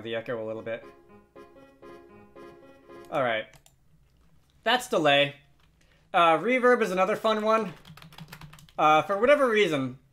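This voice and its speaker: With a slightly high voice, this tutorial host walks through software casually, musing aloud hesitantly and adding wry, self-deprecating remarks.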